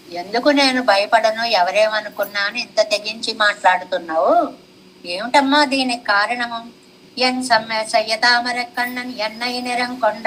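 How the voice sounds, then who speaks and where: A woman's voice: medium pitch, fairly bright tone, a little hiss or hum, low-quality recording. A woman giving a devotional discourse on scripture commentary, reciting classical verses and then explaining them with rhetorical questions. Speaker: religious teacher.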